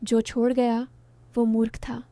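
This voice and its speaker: Here the woman narrating a romantic audio story gives her teasing, protective young man a tender, monotone read at a slightly slow pace. The voice is mellow and a little high, natural rather than performed, recorded close and dry without echo.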